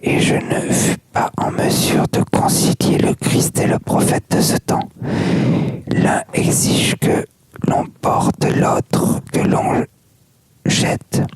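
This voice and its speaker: An ASMR reader whispering softly without voice, like in a library, reading a book aloud with asides. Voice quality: unvoiced soft whisper. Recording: very noisy whisper recording with mouth clicks.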